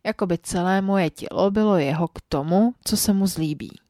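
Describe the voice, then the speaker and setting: A woman narrating a story for her podcast in a soft, intimate voice that often sinks close to a whisper. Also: fairly low pitch, dry recording. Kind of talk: scripted audiobook-style story narration.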